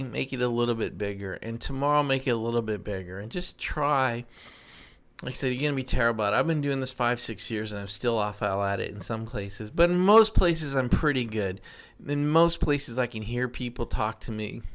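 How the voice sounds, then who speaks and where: A man's voice: mid-range voice, a bit bright, clear, resonant tone. Earnest man in his fifties. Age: 50s. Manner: earnest, reflective, self-deprecating. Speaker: self-improvement podcast host. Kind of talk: casual motivational monologue.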